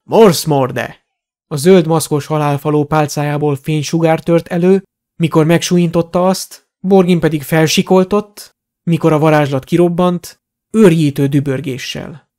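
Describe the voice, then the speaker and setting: A man reading a fantasy audiobook aloud in an expressive storytelling voice. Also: fairly high pitch. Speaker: audiobook reader.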